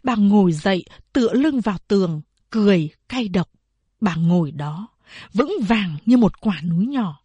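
A woman narrating a novel as an audiobook, slow and measured. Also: medium pitch, animated, warm tone, slightly rough, no room sound, dull audio.

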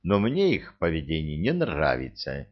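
Man voicing a gruff young count, grumbling, distrustful, muffled lo-fi sound. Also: extremely low pitch, wildly swooping pitch, measured pace, pitched below the performer's own voice, heavily acted. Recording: dull lo-fi recording.

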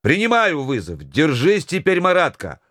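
A boisterous young sailor, as a male audiobook reader puts him on, loud and teasing with his crewmates. The voice sits high and jumps about eagerly, clean and dry with no room sound. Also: wildly swooping pitch, normal speed, no room sound. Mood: grumbling. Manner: shouting, teasing, high-pitched. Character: excitable red-haired young sailor, loud joker.

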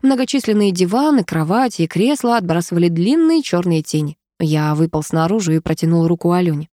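Woman, audiobook narration, mellow, dry close sound. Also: fairly low pitch, lively intonation, a little fast, dry recording. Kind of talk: scripted narration.

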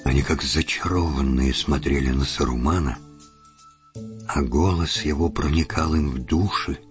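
A man narrating an audiobook in a measured, even storytelling manner. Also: very deep voice. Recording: dull lo-fi audiobook with faint music.

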